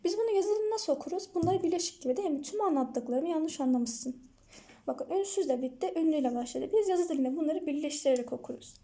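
A woman teacher explaining grammar in an online lesson, asking the class questions and answering them herself, repeating example words slowly and clearly. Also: very high voice, warm tone.

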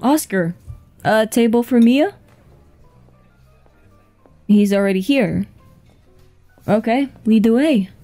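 In a casual, intimate ASMR roleplay set to music, a woman voices a flirtatious, laid-back businesswoman out on a date, speaking to an unseen partner in a one-sided conversation. Her soft voice is a little high, friendly and unhurried, with plenty of giggles.

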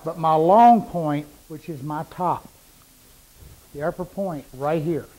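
A man's voice: fairly high pitch, slow pace, dark tone, poor audio. A middle-aged man demonstrating cuts in his woodworking shop, plain-spoken and repeating points for emphasis while he works, on a lapel mic. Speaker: woodworking instructor. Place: woodworking shop with power saws.

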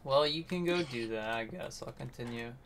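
A man's voice: medium pitch, normal speed, a bit bright, a little hiss or hum. A man chatting casually while recording his gameplay, dry and self-deprecating, with a mumbling delivery. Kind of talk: casual chat while playing.

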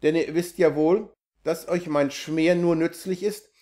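Clever tomcat, polite, calm, reasoning, read by a man. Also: a little high, a little slow, close to an everyday voice. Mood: composed.

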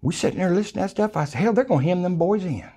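An older South Texas man talks very fast in a high-sitting, animated voice that is mellow yet slightly rough. He tells a hunting story casually, folksy and colorful, playing out quoted voices, captured on a lapel mic in a small room.

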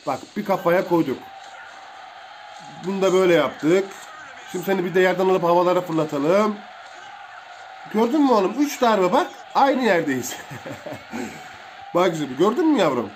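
A young man casually commentating a mobile wrestling game for viewers, excitable and slangy, calling out moves and reacting to hits. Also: high-pitched, normal speed, long pauses, a little hiss or hum.

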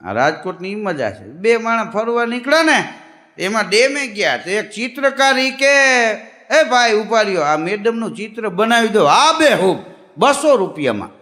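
A man telling comic stories onstage, his fairly high voice leaping up and down as he acts out each character. The sound rings with long reverb, like a big hall. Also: moderate pace. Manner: lively joke-telling, acting out characters' lines. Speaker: stand-up comedian. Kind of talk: comic storytelling to a live audience.

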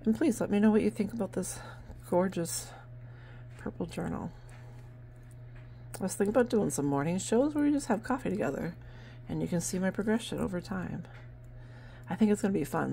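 Chatty woman with a gravelly voice. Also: medium pitch, warm tone, a little hiss or hum. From New Hampshire, USA. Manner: chatty and rambling, with many fillers. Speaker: vlogger and barn sale seller. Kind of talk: casual chat to camera. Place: at home, indoors at a table.

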